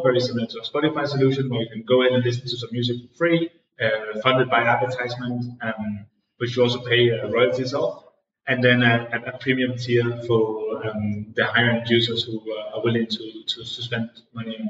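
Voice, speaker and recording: A Danish man in his thirties, a startup founder, answers interview questions in a co-working space office, hesitating often with fillers and restarts. His mid-range voice is steady, a bit bright, and slightly fast. The echoey room makes the recording sound distant and dull, with slight background noise.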